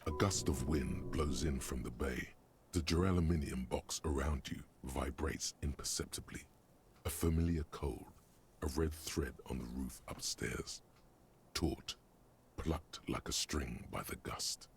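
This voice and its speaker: Gravelly, very deep game narrator. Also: male voice, slight background noise. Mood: ominous. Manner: measured, atmospheric, wry. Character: gravelly male narrator of a grim detective game.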